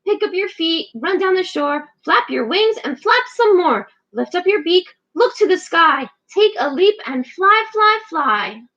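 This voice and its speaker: A woman's voice: very high-pitched, wildly swooping pitch, slow pace, highs cut off, voice pushed up, exaggerated voice. A woman reading a storybook aloud, voicing a big, kindly snow petrel that speaks in a kind, thoughtful way. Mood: singing.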